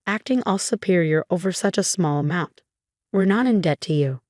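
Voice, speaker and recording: A woman's voice: lowish voice, lively intonation, moderate pace, a little mellow, no echo, clean studio sound, lightly acted. A woman voicing a rude, spoiled young bride who mocks her in-laws in a storybook narration. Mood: mocking. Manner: mocking.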